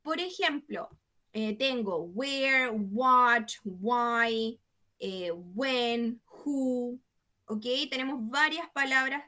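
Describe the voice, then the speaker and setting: Teaching an English class, a woman speaks in a fairly high, bright voice that sounds pushed. She is patient in her explanations and says things more than once, tacking an inquiring "yes?" onto almost every phrase.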